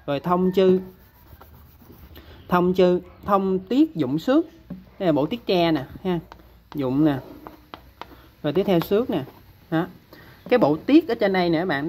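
A man's voice: a little high, darkish tone, a little hiss or hum. A man with a Southern Vietnamese accent teaching kanji step by step, patiently checking in with his listeners as he explains. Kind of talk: step-by-step lesson.

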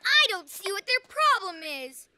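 A woman's voice: very high voice, big pitch swings, measured pace, background noise, exaggerated voice. A woman voicing a brash young girl in a children's cartoon who is blunt and rowdy but learning to be polite. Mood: indignant. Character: brash girl, quick-tempered then sheepish.

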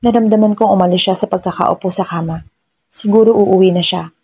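Soft-voiced woman narrating a romance story. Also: medium pitch, fairly even intonation, a little fast, slightly rough, dry recording. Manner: soft, mixing in English phrases.

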